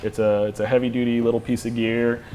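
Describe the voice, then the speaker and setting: A man explaining a lighting fixture in a casual demo chat, relaxed and rambling, with lots of "you know". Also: medium pitch, fast talker, a little hiss or hum. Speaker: lighting product expert.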